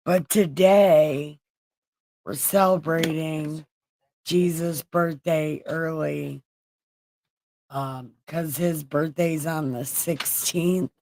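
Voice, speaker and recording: A woman in her forties hosting a casual livestream, loud and joking as she teases her friends. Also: sits low, dry recording, poor audio. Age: 40s. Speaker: livestream host.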